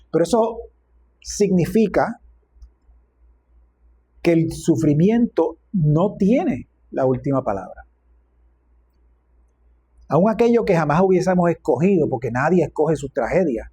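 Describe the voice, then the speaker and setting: A man preaching a reflective, gently humorous sermon as a minister. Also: on the high side, husky.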